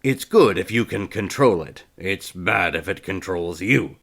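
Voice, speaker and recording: Gravelly old warrior trainer, blunt, taunting, deep voice, storybook, read by a man. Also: lively intonation, measured pace, fairly bright tone, heavily acted. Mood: lecturing. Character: gruff scarred older male trainer, harsh.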